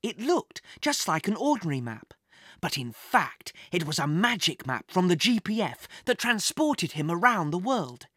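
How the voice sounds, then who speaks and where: A woman narrating a children's adventure story in an expressive storybook reading style. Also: fairly low pitch, moderate pace, no room sound, clean studio sound. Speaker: audiobook narrator.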